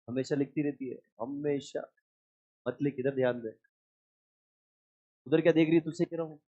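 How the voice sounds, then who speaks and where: A man teaching a biology class in a lively lecture style, often asking questions and answering them himself. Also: mid-range voice, lo-fi sound. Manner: scolds inattentive students.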